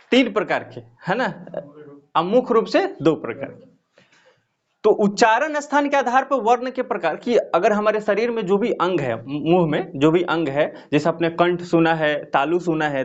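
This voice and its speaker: A man's voice: high-pitched, muffled recording. A man teaching a Hindi grammar lesson to students, patiently asking the class rhetorical questions as he explains.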